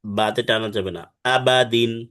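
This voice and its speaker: A man teaching Quran reading over an online call, patiently correcting students and slowly demonstrating each syllable. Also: mid-range voice, fairly bright tone. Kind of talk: online tutoring. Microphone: online video call.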